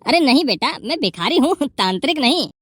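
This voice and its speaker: A woman's voice: high-pitched, big pitch swings, fairly quick, fairly bright tone, slight background noise. A woman voicing a pushy, wheedling male beggar in a cartoon, with a pleading, scolding manner. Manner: whining, pleading, then scolding.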